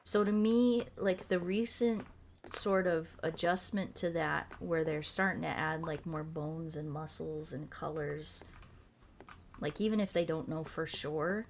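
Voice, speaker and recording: A woman who streams video games chats casually and enthusiastically, rambling onto tangents and swearing freely. Her voice is low and steady, a little slow, with slight hiss or hum and background music.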